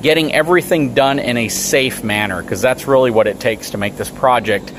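A man's voice: mid-range voice, brisk. A man hosting a vlog, upbeat and explaining a trailer project to viewers in a large RV service shop. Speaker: channel host. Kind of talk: casual vlog walkthrough. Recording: noisy shop background.

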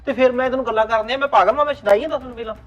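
A man playing a possessive, unstable young husband who swings between soft coaxing and shouting, recorded off-mic in an echoey room with music underneath. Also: high voice, racing, dull audio, close to an everyday voice. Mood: angry. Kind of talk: Punjabi web drama acting.

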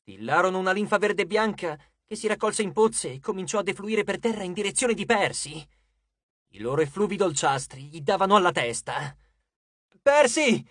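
High-voiced male audiobook narrator. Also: brisk, no room sound, clean studio sound. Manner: steady, expressive storytelling. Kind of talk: scripted narration.

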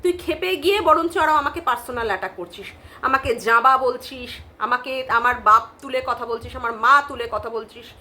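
A woman's voice: on the high side, normal speed, pushed and bright. A woman vlogger with a Bengali accent delivering a confrontational, scolding rant to camera, repeating her points.

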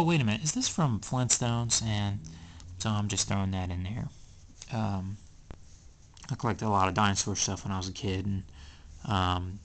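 A man's voice: fairly low pitch, fairly bright tone. Rambling man showing off his collection. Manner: rambling, hesitant, many ums. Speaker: collector selling items. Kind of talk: casual show-and-tell. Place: indoors, small room at home.

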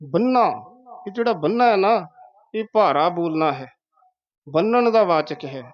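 A man giving a slow, patient pronunciation lesson, breaking words into syllables. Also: high-pitched, animated, highs cut off. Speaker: teacher of scripture pronunciation.

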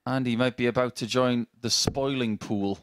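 A man's voice: medium pitch, steady tone, moderate pace, noisy background. A man giving live darts commentary as a sports commentator.

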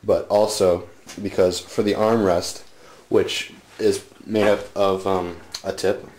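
A man's voice: sits low, flat delivery, slow pace, darkish tone. A teenage boy casually explaining, step by step, how he and a friend are building a chair in a home workshop, recorded on the camera mic. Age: teens. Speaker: student builder. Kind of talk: casual project narration.

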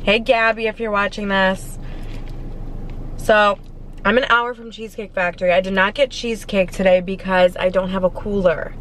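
This low-quality recording captures an American food vlogger in her twenties eating in a parked car and gushing casually to camera between bites. Her medium-pitched voice is a bit bright, moving at normal speed with little change in pitch, over faint car and street noise.

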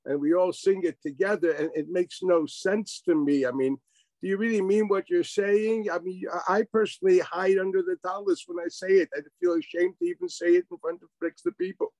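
A man's voice: sits high, brisk, a little mellow, no room sound, rough recording. A man teaching an informal Torah class over a video call, wry and sarcastic, firing rhetorical questions and sprinkling in Hebrew and Yiddish terms.

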